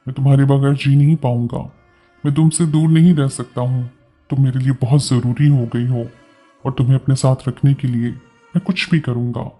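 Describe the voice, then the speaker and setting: A man's voice: mid-range voice, steady tone, normal speed, mellow, faint music behind, natural voice. A man with a Pakistani Urdu accent voicing a possessive, lovesick jinn husband who pleads with his wife not to leave. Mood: pleading. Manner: pleading, clinging.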